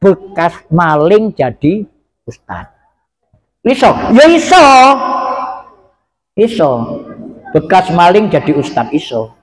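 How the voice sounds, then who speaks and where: High-voiced man preaching with humor. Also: slow, long pauses, husky. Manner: lively storytelling with humor. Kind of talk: religious lecture.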